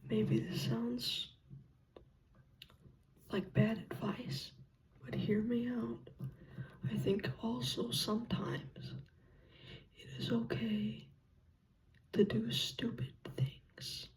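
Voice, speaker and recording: A person gives an encouraging, reassuring ASMR pep talk in a soft, breathy whisper, speaking gently in short, paused phrases. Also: medium pitch, level tone, distant mic, low-quality recording. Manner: slow, gentle, pausing between short phrases. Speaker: ASMR content creator.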